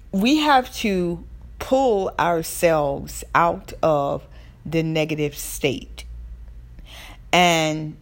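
Slow, low-voiced Southern US woman. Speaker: podcast host. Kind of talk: informal motivational talk.

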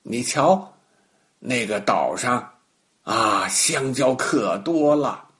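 A scheming young crocodile in a children's storybook, voiced by a man. He coaxes in a sweet, wheedling way, with slow and drawn-out lines that rise and fall in pitch. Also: animated, fairly bright tone. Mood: coaxing. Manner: wheedling and coaxing.

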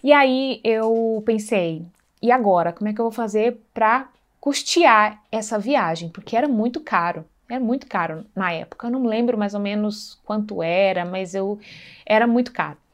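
Woman, earnest, conversational, faith testimony, mid-range pitch. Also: moderate pace. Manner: earnest, conversational, acts out dialogue, frequent tag questions. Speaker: speaker sharing a faith testimony. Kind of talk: personal testimony storytelling.

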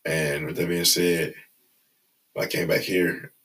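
A man's voice: deep voice, little pitch movement, unhurried, a bit bright, distant mic. A young man with a Detroit accent in casual conversation as a recording artist, talking in cocky, slangy hype with lots of "bro". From Detroit, United States. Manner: cocky, slangy hype talk peppered with "bro" and "you feel me". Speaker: recording artist being interviewed. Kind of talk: casual chat.

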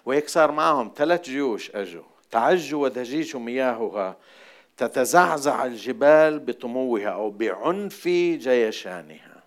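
A man with a Jordanian accent preaching a sermon, shifting between hushed, repeated asides and loud, emphatic lines. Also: mid-range voice, animated, normal speed. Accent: Jordanian Arabic. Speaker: pastor.

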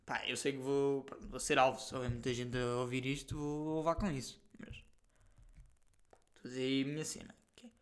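A man's voice: medium pitch, moderate pace. Slangy young European Portuguese man. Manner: animated, slangy storytelling with frequent fillers and swearing. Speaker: podcast host. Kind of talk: casual solo podcast chat.

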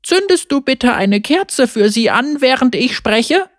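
A wise old female illuminator speaks calmly and patiently, her voice a little croaky and pitched somewhat high, as a woman reads her lines. This is storybook narration, close and dry. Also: a little slow, no room sound. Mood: calm, instructive.

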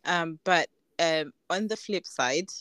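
A woman's voice: on the low side, slow pace, fairly bright tone, no room sound. A woman co-hosting a casual podcast, asking questions while thinking aloud and trailing off. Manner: thinks aloud, trails off, gives short backchannels. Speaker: podcast co-host.

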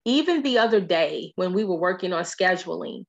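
A woman hosting a podcast in casual conversation, animated and playful. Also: lowish voice, moderate pace, gravelly, muffled recording. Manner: animated, playful, quotes friends in lively voices. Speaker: podcast host.

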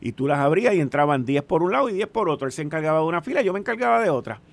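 An older Puerto Rican man in his sixties, chatting and telling stories. His voice sits a little high for a man. He is animated and keeps tossing questions to the listener. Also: racing, vocal fry. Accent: Puerto Rican Spanish. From Puerto Rico. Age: 60s. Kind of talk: casual storytelling chat.

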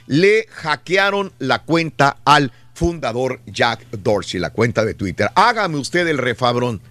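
Animated Mexican man reading news. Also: mid-range voice, slow pace, no echo. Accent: Mexican Spanish. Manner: indignant, animated storytelling with many fillers. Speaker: radio show host. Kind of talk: news commentary on a morning show.

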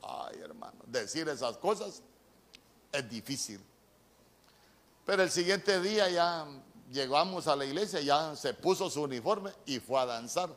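A man's voice: a little high, lively intonation, unhurried, a bit bright. A middle-aged man with a Honduran accent preaching a sermon, telling a personal story earnestly and often stumbling and repeating words. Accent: Honduran Spanish. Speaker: pastor.

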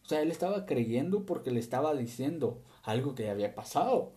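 Preacher guy, animated sermon, warm low-ish voice, checks in w the crowd a lot. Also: a little fast. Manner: animated, acts out voices, laughs, asks congregation "¿sí?".

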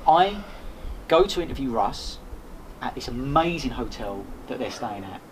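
A man's voice: medium pitch, animated, unhurried. A man, a podcast host appearing as a guest, telling a rambling casual story full of restarts and swearing. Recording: noisy background hiss.

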